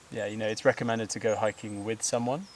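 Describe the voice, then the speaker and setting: A vlogger with a voice on the low side chats casually to the camera while hiking up a steep trail, out of breath, rambling loosely with fillers and laughs. Buzzing insects and slight background noise can be heard.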